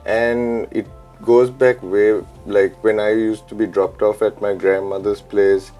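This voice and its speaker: A man in his thirties from Sri Lanka, speaking in a low, mellow voice with no edge to it. He answers questions in a relaxed, thoughtful way, pausing often with ums and uhs. Faint music runs under his lapel-mic audio from a studio set. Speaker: chef and DJ, interview guest. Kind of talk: casual interview answers. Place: studio set with pink backdrop.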